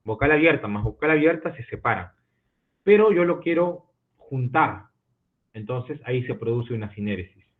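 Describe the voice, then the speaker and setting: A male literature teacher giving an online class, explaining step by step and checking understanding with quick questions. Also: medium pitch, expressive. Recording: tinny phone-like audio from an online call.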